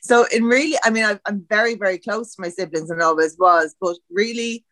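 This podcast guest, a woman from Dublin, Ireland, speaks with a Dublin Irish accent in a mid-range, slightly bright voice, a little on the fast side. She laughs a lot and talks openly in a relaxed interview, recorded with no room sound.

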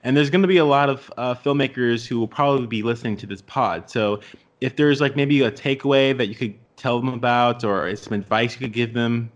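A man co-hosting a podcast, wrapping up in a relaxed, loose way. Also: mid-range voice, brisk, muffled recording. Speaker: podcast co-host. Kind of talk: casual podcast chat.

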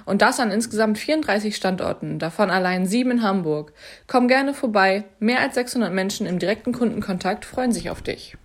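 A woman reading a scripted sponsor announcement in a smooth, even promotional tone. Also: medium pitch, fairly quick. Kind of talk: scripted ad read.

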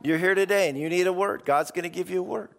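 A man preaching an informal, emphatic sermon in a gravelly, hoarse voice that is starting to give out. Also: high-pitched, fast talker, a bit bright. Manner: informal, emphatic, acts out imagined replies. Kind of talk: sermon, conversational exhortation to a congregation.

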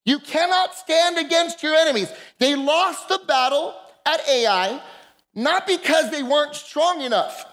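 A woman's voice: high-pitched, expressive, measured pace, fairly bright tone. A woman pastor preaching a sermon into a pulpit microphone in a church, emphatic and calling for the congregation's responses. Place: church sanctuary.

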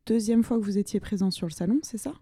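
A woman's voice: medium pitch, fast, warm tone, husky, no room sound. A woman co-hosting an interview, guiding the talk and explaining things for the listeners. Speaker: podcast co-host. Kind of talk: casual interview chat.

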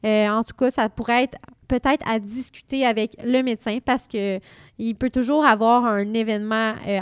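A woman's voice: mid-range voice, clean tone, dry recording, studio quality. A woman with a Quebec French accent, speaking as an expert guest and explaining methodically in an interview. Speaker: guest pharmacist.

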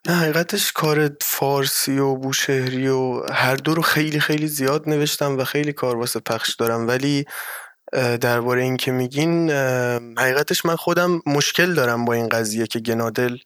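A man of middle pitch answers interview questions slowly and thoughtfully, weighing his words and pausing on frequent hesitation sounds. The recording is dry, with no room echo. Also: fairly bright tone. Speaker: musician guest.

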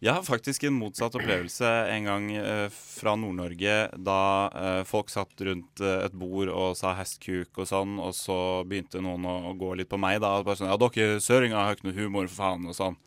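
A man hosting a podcast, asking questions and telling a relaxed anecdote in casual chat. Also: low voice, hardly any pauses, clean tone, no echo. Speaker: podcast host.

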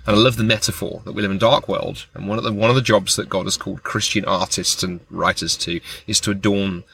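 A man hosting a conversational podcast, telling stories in an animated way, recorded in a car park. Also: fairly low pitch, quick pace, vocal fry. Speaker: podcast host. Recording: faint car park background noise. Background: car park ambience, occasional engine.

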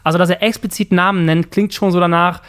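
A man with a fairly high voice chats on a podcast, laying out his reasoning with sure, concrete examples. He sounds certain and talks casually, sometimes swearing in passing. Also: fairly even intonation, fast talker, a bit bright. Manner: confident, explains with examples. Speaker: podcast co-host. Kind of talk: casual chat.

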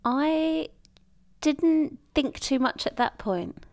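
A woman's voice: high-pitched, lively intonation, very slow. A young British woman in casual conversation, chatty and playful, often restarting her sentences. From Britain. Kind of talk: casual chat.

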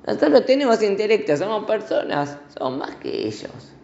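A man with a Rioplatense accent voicing a group of flattering royal ministers who coax their king. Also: high voice, normal speed, gravelly, background noise, voice pushed up, full character voice. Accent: Rioplatense Spanish. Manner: coaxing, persuasive reasoning. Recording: roomy, slightly dull recording.

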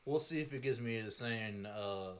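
A man talking in a relaxed, casual podcast chat, slangy and profane. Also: medium pitch, normal speed. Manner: laid-back, slangy and profane.

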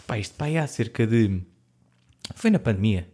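A young man with a European Portuguese accent, telling a story in a casual podcast chat, lively and laughing often. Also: lowish voice, normal speed. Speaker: podcast co-host.

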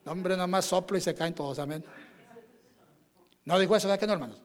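A man's voice: sits high, fast talker. A male pastor preaching a fervent sermon, constantly calling out amen and addressing the brothers. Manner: fervent, sprinkles amén and hermanos constantly.

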